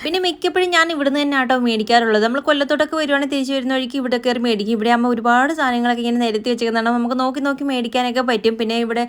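Fast-talking chatty woman vlogger. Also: on the high side, fairly even intonation, smooth. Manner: chatty and storytelling, often adding a friendly "you know". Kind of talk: voice-over narration of a daily vlog.

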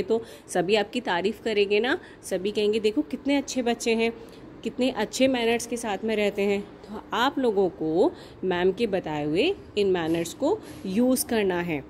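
A young woman teaching a kindergarten class, asking simple questions in a slow, sing-song teacherly way and mixing in English words. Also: mid-range voice, darkish tone, slight background noise. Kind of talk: online class lesson for young children.

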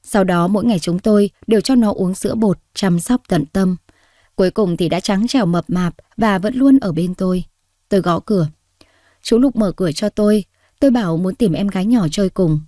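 Mellow woman reading a story aloud. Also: medium pitch, moderate pace, dry recording, studio quality. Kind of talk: scripted story narration.

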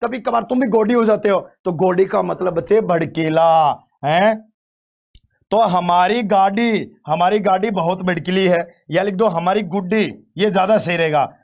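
A man teaching English vocabulary in an online exam-prep lesson, playful and teasing, repeating words again and again and chatting to his students. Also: sits high. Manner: addresses students as "bachche", chatty.

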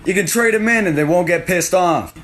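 A man's voice: high-pitched, fairly quick, a bit bright. A man delivering a comedic list monologue for a short social media video.

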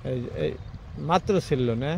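A man's voice: medium pitch, a little slow, darkish tone. A man, giving casual live commentary to viewers from a small wooden boat on a wide river, pointing things out as they happen. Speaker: fishing vlogger filming from a boat. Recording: faint wind, water and boat noise.

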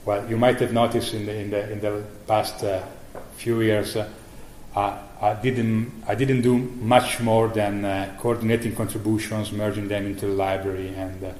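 A middle-aged man giving a conference keynote about software he maintains, speaking haltingly with many fillers and restarts. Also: fairly low pitch, level tone. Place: conference hall. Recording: echoey room with faint noise.

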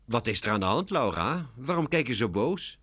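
A man doing a calm, sensible older lady. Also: medium pitch, normal speed, husky, voice pushed up. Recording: music bed behind.

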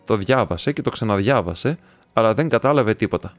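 A man's voice: lowish voice, expressive, no room sound, faint music behind. A man reading a classic novel aloud as an audiobook, lightly changing his tone for the characters' lines. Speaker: audiobook reader.

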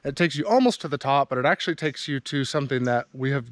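A man's voice: mid-range voice, fast talker, no echo. A man vlogging outdoors, casually explaining his farm to the camera as he walks through the woods. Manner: relaxed, explanatory, walking and talking.

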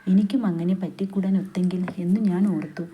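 A woman reading a literary story aloud in a steady, unhurried narrating voice, with dialogue quoted along the way. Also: fairly low pitch. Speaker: story reader.

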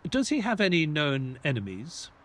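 A man playing a polite, earnest doctor who assists a detective and tells the story in an audio play, courteous and expressive. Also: fairly high pitch, moderate pace, exaggerated voice. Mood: polite, curious.

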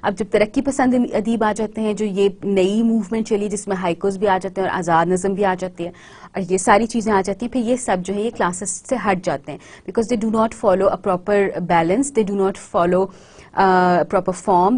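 Woman, university lecture, husky, slow and deliberate, mixes English and Hindi-Urdu, often checks that the class follows. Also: medium pitch, steady tone, a little mellow. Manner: code-switches between English and Hindi-Urdu, frequent "theek hai?" checks.

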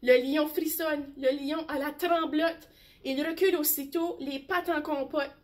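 A woman teacher reading a bedtime story aloud slowly and expressively. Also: high-pitched, slight background noise. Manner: slow, gentle, expressive.

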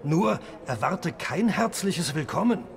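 A man's voice: a little high, big pitch swings, slow, gravelly, full character voice. An actor playing a sly, jovial older man in a fantasy game, chummy and wry.

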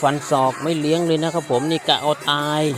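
A man giving excited, exclamatory boxing commentary as a Muay Thai fight commentator. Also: fairly high pitch, fast. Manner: exclamatory, reacts to each strike with repeated interjections. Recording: loud music and crowd noise behind. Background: loud music and crowd.

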